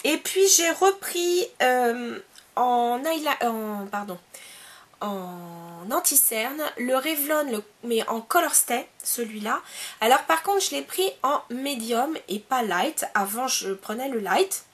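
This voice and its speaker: Chatty high-voiced woman vlogger. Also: expressive, slow. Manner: chatty, with many hesitations. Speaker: beauty vlogger. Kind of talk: casual haul video chat. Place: home.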